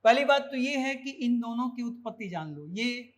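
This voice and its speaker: A man's voice: very high voice, lively intonation, normal speed. A man teaching an English lesson, quizzing his students with repeated questions and calling them child in a fatherly way. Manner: fatherly, calls viewers child; gets carried away with enthusiasm. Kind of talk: explanatory video lesson.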